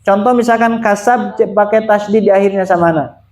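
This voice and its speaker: A man's voice: sits high, steady tone, brisk, darkish tone, echoey room. A man teaching Quran recitation, patiently repeating and demonstrating pronunciations for a student. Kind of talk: one-on-one recitation lesson.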